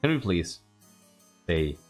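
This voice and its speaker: A man's voice: low-pitched, big pitch swings, slow pace, soft background music. A man playing a game, casually commenting and reading game text aloud, often repeating his phrases. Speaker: game player and host commenting while playing.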